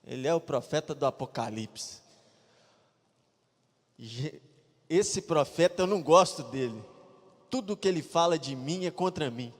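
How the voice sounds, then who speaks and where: A male pastor preaching a sermon in a church, retelling a Bible story with lively acted-out quotes. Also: fairly high pitch, unhurried, pauses often. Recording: reverberant church hall.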